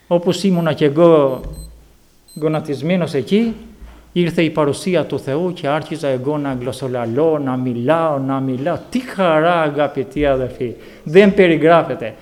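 A man preaching a sermon, fervently telling his own story and calling out hallelujahs to the congregation, moving between loud exclamations and quiet storytelling. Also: a little high. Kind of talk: sermon with personal testimony.

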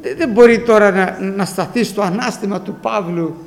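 A man preaching a sermon, telling stories with quoted exchanges and swinging from hushed asides to loud emphasis. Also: sits high, vocal fry, a little hiss or hum.

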